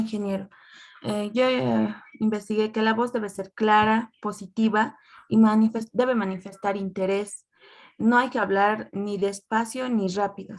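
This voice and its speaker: A woman student answering the teacher in class, hesitantly reporting what she researched. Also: mid-range voice. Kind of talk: class participation.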